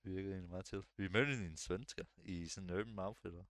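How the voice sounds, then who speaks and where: A young man chatting casually on a podcast, relaxed and hesitant, with lots of fillers and restarts. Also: low voice, no room sound, studio quality. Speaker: podcast co-host. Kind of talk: casual chat.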